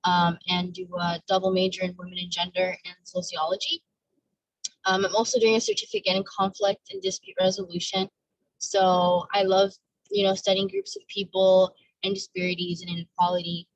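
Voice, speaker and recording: A young woman student introducing herself in a casual, unhurried way on a video call. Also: medium pitch, no echo. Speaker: undergraduate student. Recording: distant, dry, dull mic.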